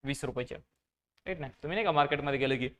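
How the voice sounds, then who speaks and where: A man's voice: medium pitch, fast talker, a bit bright. Man teaching math, repeating every step. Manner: repeats key phrases, asks questions and answers them himself; patient step-by-step explaining. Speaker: exam-prep teacher. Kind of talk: online math lesson.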